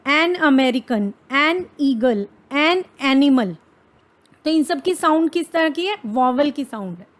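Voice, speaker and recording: A woman with an Indian accent teaches grammar for exam prep, her voice set high. She talks slowly, puts questions to her students and answers each one herself, and drops English phrases into her explanations. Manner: asks the class questions and answers them herself; reads English examples slowly and deliberately.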